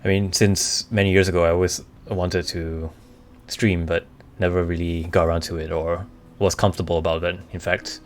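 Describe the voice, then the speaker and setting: A man chatting casually on a live stream, answering questions in a halting way as he searches for the right words. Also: deep voice, little pitch movement, a little hiss or hum. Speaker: streamer, VTuber. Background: background music.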